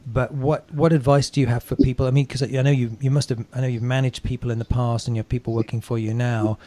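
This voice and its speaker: A man hosts a podcast, interviewing in a conversational way and rephrasing his questions as he goes, with softened wording. His voice is mid-range and level in tone, and he talks quickly.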